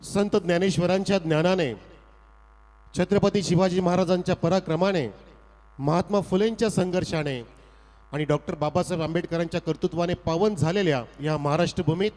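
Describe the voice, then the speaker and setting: A male cricket commentator speaking over a PA system at an outdoor ground, with a formal, flowery announcer delivery that rises sharply on big shots. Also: high-pitched. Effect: heard over a PA system. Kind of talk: live local cricket commentary. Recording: long echo from a loudspeaker PA.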